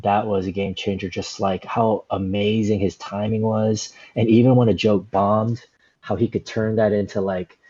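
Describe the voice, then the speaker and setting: A man in his forties, a stand-up comedian, telling stories in a relaxed, rambling way with lots of "you know" and "like". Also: fairly low pitch, moderate pace, breathy edge, lo-fi sound. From Southern California, USA. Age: 40s. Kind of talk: casual interview storytelling.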